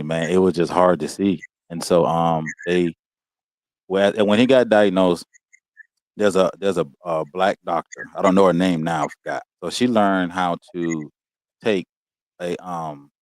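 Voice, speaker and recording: A man's voice: low voice, darkish tone, no echo. An American man telling a personal story as a podcast guest, in a casual, heartfelt way. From United States. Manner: informal, heartfelt, peppers speech with "man" and "you know what I'm saying".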